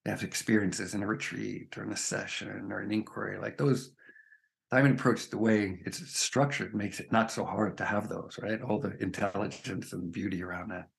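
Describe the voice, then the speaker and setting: A man's voice: fairly low pitch, fairly even intonation, moderate pace, gravelly. A man speaking as a spiritual teacher in an interview, earnest and emphatic, often checking in with "right?". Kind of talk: reflective conversation.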